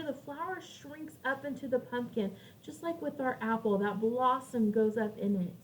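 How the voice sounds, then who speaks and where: A teacher with a slightly high, darkish voice reads to young children, explaining in plain words and quizzing them as she goes. The recording comes from a distant microphone and has faint background noise.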